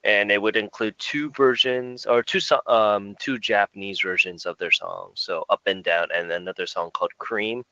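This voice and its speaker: Low, bright-toned man chatting casually. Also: normal speed, hardly any pauses, no room sound, muffled recording. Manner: relaxed, rambling, frequent fillers and chuckles. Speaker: podcast co-host. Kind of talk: casual music podcast chat.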